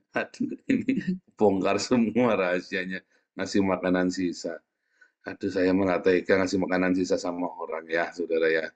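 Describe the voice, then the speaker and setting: Lively preacher, lower voice. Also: male voice. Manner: lively storytelling, laughs, swings from hushed to loud. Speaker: pastor. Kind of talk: sermon.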